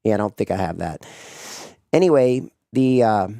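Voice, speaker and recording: A man's voice: on the low side, expressive, normal speed, gravelly, warm tone, dry recording, studio quality. A man hosting a casual commentary show, rambling and often asking "right?" as he talks. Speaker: host.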